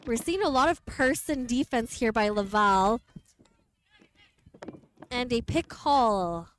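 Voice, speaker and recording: A woman with a slightly high, expressive voice calls play-by-play slowly, moving between English and French. The sports commentator is outdoors at a windy field, and light wind noise comes through.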